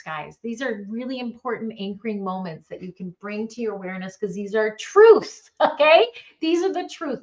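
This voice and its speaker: A middle-aged woman mentor giving a motivational talk, telling personal stories in an earnest, animated way with bursts of laughter. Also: a little high, muffled recording. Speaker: mentor and coach.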